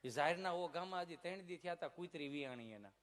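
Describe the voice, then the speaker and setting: A man's voice: a little high, expressive, fairly bright tone. A man with a Kathiawadi Gujarati accent telling folk stand-up comedy stories in a chatty way, often slipping into voices. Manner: chatty, storytelling, quick to slip into voices.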